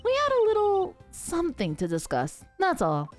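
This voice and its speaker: A woman's voice: very high-pitched, wildly swooping pitch, moderate pace, soft background music, voice pushed up, heavily acted. A woman voicing a cheerful, mocking young woman who giggles and teases while reading a game aloud. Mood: breezy. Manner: giggly, teasing.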